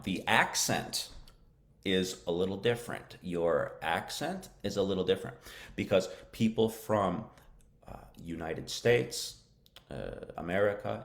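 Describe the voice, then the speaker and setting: Deep-voiced man teaching live. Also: creaky. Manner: casual, repeats "okay?" to check understanding, mixes in Arabic words. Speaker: English teacher hosting a live lesson. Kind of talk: live-streamed English lesson with viewer questions.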